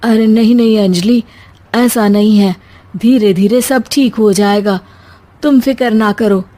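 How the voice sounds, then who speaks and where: A woman voicing a gentle young village husband in a story, speaking in a soft, reassuring way. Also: on the high side, unhurried, close to an everyday voice. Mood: soothing.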